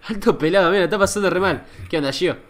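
A man with an Argentine accent, reacting live as a streamer, excitable and casually swearing while he greets his chat. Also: high-pitched, fast. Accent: Argentine Spanish.

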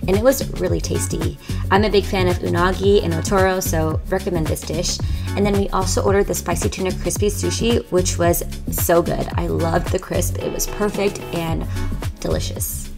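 A woman's voice: lowish voice, fairly even intonation, normal speed, vocal fry. Bubbly young woman vlogging. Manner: bubbly, enthusiastic food reviewer. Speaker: vlogger host. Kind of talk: casual vlog narration. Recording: background music.

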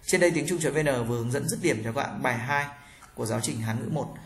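A male teacher giving a pronunciation lesson, drilling syllables slowly with each tone exaggerated, then explaining them. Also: mid-range voice, a crowd in the background. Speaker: Chinese language teacher. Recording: roomy echoey room sound.

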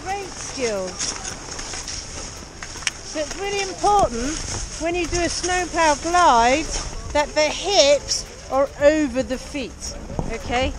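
A cheery, encouraging woman coaching a beginner as a ski instructor, calling out instructions and explaining to the camera. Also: sits high. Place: outdoors on a busy ski slope. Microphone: action camera held or worn. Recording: noisy outdoor action-camera sound.

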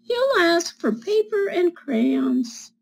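In a small home room filled with bookshelves, a woman in her seventies reads a picture book to schoolchildren, slowly describing the pictures and gently asking them questions. Her very high voice has a sing-song lilt. A webcam at desk distance records her.

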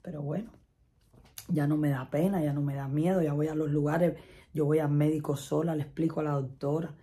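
A woman's voice: sits low, steady tone, brisk, warm tone. A middle-aged Spanish-speaking woman telling a chatty personal story, laughing often and repeating herself. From Latin America. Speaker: vlogger.

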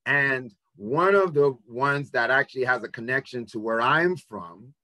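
Bright-voiced man, halting webinar talk. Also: mid-range voice, no echo. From Nigeria and the United States. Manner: halting, full of ums and restarts. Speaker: webinar presenter. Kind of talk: educational talk. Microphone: video call.

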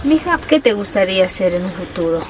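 Soft-spoken woman comforting children. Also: medium pitch, very animated, quick pace, noisy background. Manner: gentle, soothing, calls the children dear ones. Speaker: charity visitor interviewing a family. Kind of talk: emotional field conversation with children. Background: music score.

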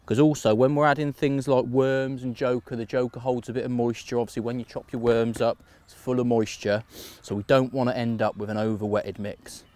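English bloke on a canal bank explaining his bait mix step by step, easygoing and practical, middle-pitched voice. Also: a little fast. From England. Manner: relaxed, practical, talks through each step. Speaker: angler demonstrating bait and feeding. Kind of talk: instructional fishing demonstration.

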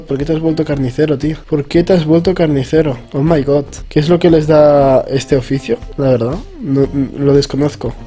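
A man's voice: fairly high pitch, dark tone. A young man with a Spain Spanish accent, chatting casually as he plays and exclaims at the game. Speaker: gaming youtuber. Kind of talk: casual gameplay commentary.

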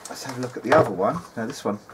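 At an indoor workbench, a man who repairs electronics as a hobby hosts a casual hands-on demonstration, thinking aloud hesitantly. He talks rapid-fire in a mid-range voice. Background noise is clearly audible in the workshop room.

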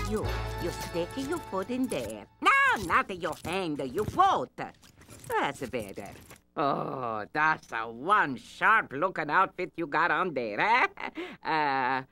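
A woman's voice: on the low side, pushed and bright, full character voice. A woman voicing an elderly Italian woman in a cartoon, who fusses over her pets in broken English with a strong Italian accent. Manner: fussing, scolding, broken English. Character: doting old Italian woman, bossy mother type. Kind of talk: cartoon voice acting. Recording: music behind.

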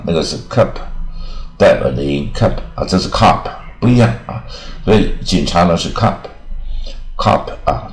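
Very deep-voiced teacher. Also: male voice, a little mellow, reverberant. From Taiwan. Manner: drawn-out repetitions with frequent "啊" fillers. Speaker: English pronunciation teacher. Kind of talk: casual recorded vocabulary lesson.

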